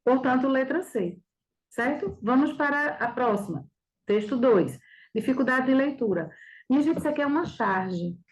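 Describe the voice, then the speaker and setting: A woman teaching language with a fairly high voice. She works through exam answers step by step, pausing often to ask whether everyone follows. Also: animated, poor audio. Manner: didactic, with frequent checking questions. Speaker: Portuguese teacher. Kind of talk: reviewing a practice exam.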